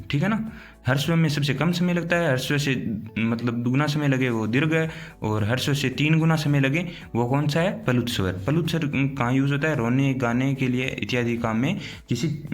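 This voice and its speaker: A man teaching an exam-prep grammar lesson, explaining step by step and answering his own questions. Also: mid-range voice. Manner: explains step by step, often asks "theek hai na?"; asks questions, then answers them himself.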